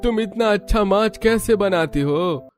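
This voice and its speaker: A man acts out a polite young Bengali student in a cartoon, eager and homesick. His voice sits high, with Bengali-accented Hindi, over background music. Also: a little slow. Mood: eager, admiring. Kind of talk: cartoon story acting. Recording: music under the voice.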